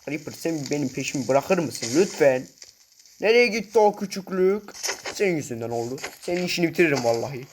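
A man giving casual, excitable gameplay commentary, swearing often and talking straight to his viewers. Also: fairly high pitch, a little fast, slight background noise.

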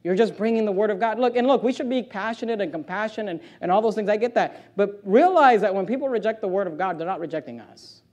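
A man preaching a sermon as pastor in a church. He reads scripture slowly and with weight, and his delivery swings between quiet asides and loud, forceful emphasis. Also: high voice, muffled recording.

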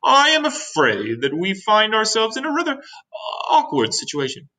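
A woman voicing a courteous old male grasshopper from a children's story, formal, measured and composed. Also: a little high, wildly swooping pitch, a bit bright, husky, recorded from a distance, pitched above the performer's own voice, exaggerated voice. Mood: worried formality.

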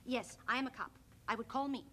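A woman's voice: fairly high pitch, quick pace, a bit bright, a little hiss or hum, close to an everyday voice. An actress playing Millie, a literal-minded rookie policewoman in a children's TV comedy sketch, speaking in stiff, formal phrases.

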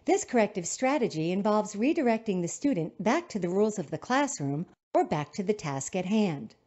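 A woman narrates a teacher-training video in a calm, instructive voice. Her intonation moves a lot, and her tone is mellow. The recording sounds dull and lo-fi. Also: medium pitch, moderate pace. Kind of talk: scripted narration.

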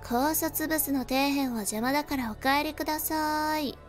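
A woman voicing a spoiled, contemptuous young bride in a storybook drama, with a shrill, whiny manner. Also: lively intonation, normal speed, faint music behind. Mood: sneering.

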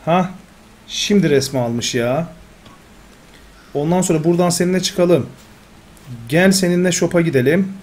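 Excitable man narrating gameplay. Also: on the high side, moderate pace, long pauses. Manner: talks to himself, excitable, exasperated. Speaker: gamer. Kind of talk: Let's Play commentary.

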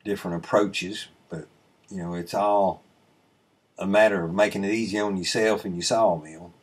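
A middle-aged sawmill channel host with a low, husky voice talks over his sawmill footage in a laid-back, rambling voice-over. He explains each step plainly, filling gaps with plenty of "um" and "uh." He's seated at a desk in an indoor room away from the sawmill, speaking into a webcam mic.

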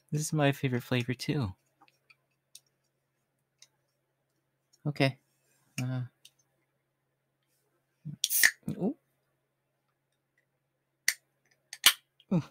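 A man in an ASMR role-play, voicing a shy, homeless young cat-boy who is gentle, hopeful, hesitant and softly polite. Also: mid-range voice, a little hiss or hum, lightly acted. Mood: shy, grateful.

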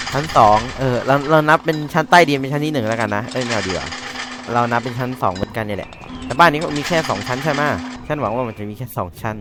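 A man's voice: medium pitch, fairly bright tone, slight background noise. A man playing a horror game, chatting to himself in casual commentary, jumpy and swearing when startled. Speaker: let's-play gamer.

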